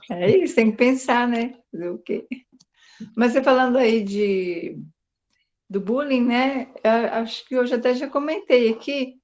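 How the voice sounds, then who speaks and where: A woman reflecting slowly in casual chat on a video call. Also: high voice, darkish tone, highs cut off. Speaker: group participant.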